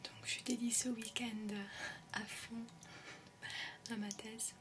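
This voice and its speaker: A young adult woman, an ASMR creator raised in English-speaking countries, whispers softly in French with an English-tinged accent from shared student housing. Her voice is on the high side, flat and slow, picked up by a distant mic over background noise. She rambles hesitantly, full of ums and euhs.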